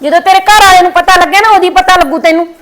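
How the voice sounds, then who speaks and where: High-pitched punjabi woman nagging fast in a family fight sketch. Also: noisy background. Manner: scolding, nagging, rapid-fire. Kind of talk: scripted comic family quarrel.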